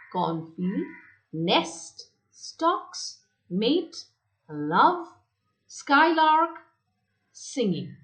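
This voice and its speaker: A woman's voice: a little high, poor audio. A woman school teacher with an Indian English accent, giving a recorded online lesson and repeating her instructions. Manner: slow, repeats instructions, stresses key words. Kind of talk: recorded online class lecture.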